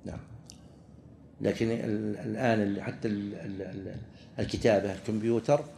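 A man, a religious teacher explaining a legal text to students, halting and often restarting his words. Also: lowish voice, flat delivery, creaky, dark tone, slight background noise. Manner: halting, with frequent restarts and pauses.

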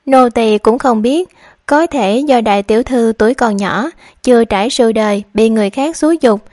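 A woman's voice: on the high side, moderate pace, a little mellow, dry recording, studio quality, natural voice. A woman voicing a scheming young maidservant who feigns worry, speaking in a pleading, confiding way. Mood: worried pleading.

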